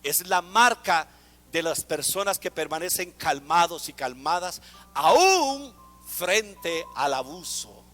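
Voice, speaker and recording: A man's voice: on the high side, lively intonation, takes it slowly, a bit bright, in a large hall. A man preaching a sermon to a congregation, asking them to repeat words after him. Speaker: pastor. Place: church.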